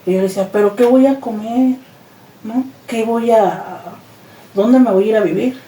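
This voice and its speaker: A woman with a Mexican accent, a guest telling her personal testimony in a lively way and acting out the dialogue she quotes. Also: a little high, normal speed. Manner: animated retelling, acts out quoted dialogue. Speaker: interview guest. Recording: roomy echo, distant mic, faint noise.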